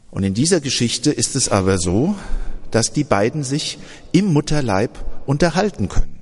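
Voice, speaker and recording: A man preaching a sermon, telling a story and voicing its dialogue in a lively way. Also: medium pitch, slightly rough, big-room sound.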